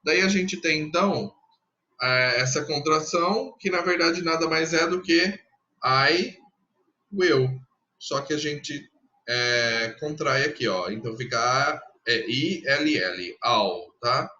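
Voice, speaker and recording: A man with a Brazilian Portuguese accent teaching an English grammar lesson, explaining patiently step by step and repeating example sentences slowly. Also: a little high, pushed and bright, dull audio. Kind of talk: recorded classroom lesson.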